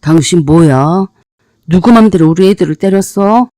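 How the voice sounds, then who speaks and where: A woman's voice: on the low side, dark tone, dry recording, studio quality, natural voice. A woman voicing a menacing, burly male bar bouncer in a story narration. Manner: slow, menacing.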